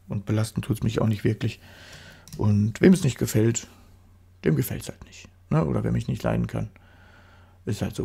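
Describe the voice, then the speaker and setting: His nose blocked by a cold, a man narrates a photo-editing tutorial in a chatty, rambling manner, repeatedly correcting himself. The studio microphone captures a medium-pitched voice that is creaky, dark and husky.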